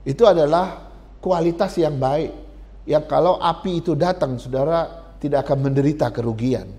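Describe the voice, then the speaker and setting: A male pastor preaching a sermon in a high, light voice. He talks conversationally and keeps turning to the congregation directly. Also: moderate pace, warm tone.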